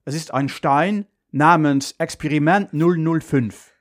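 A man voicing a calm male superhero who answers an emergency call, explaining in a steady, matter-of-fact way. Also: a little high, unhurried, lightly acted. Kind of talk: school radio story reading.

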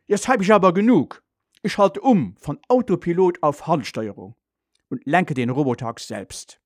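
A man's voice: fairly high pitch, expressive, unhurried, darkish tone, dry recording, studio quality. A man doing a blustering family dad. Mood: indignant. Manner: blustering, complaining. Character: grumpy impatient family father.

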